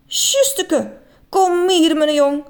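Woman doing a high, teasing Flemish grandma. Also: slow, exaggerated voice. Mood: joyful, teasing. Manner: teasing, affectionate, excited calls. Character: cheerful playful grandmother, old woman.

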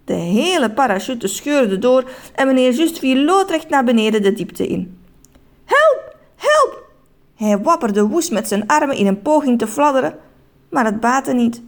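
Storyteller: woman, higher voice, lively and expressive read-aloud. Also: normal speed. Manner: expressive, animated telling. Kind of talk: children's story reading.

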